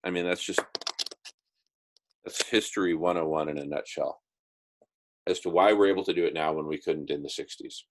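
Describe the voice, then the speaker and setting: A man's voice: a bass voice, fairly even intonation, normal speed, long pauses. A man hosting an online group discussion, talking casually and at length in an enthusiastic, idealistic way with emphatic repetition, heard through earbuds on a call. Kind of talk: casual, rambling visionary talk. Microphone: earbuds on an online video call.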